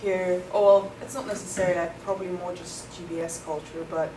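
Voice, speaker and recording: A young adult woman from South Africa gives fairly quick interview answers in a fairly low-pitched, steady voice, pondering aloud with plenty of ums; her first language is Afrikaans. The mic sits far away in an echoey room, and the audio is noisy.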